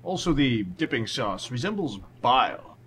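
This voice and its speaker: An actor playing a pompous superhero from Asgard who talks in archaic, grandiloquent speech in a restaurant. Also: male voice, mid-range voice, sing-song, normal speed, fairly bright tone, a little hiss or hum. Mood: lofty.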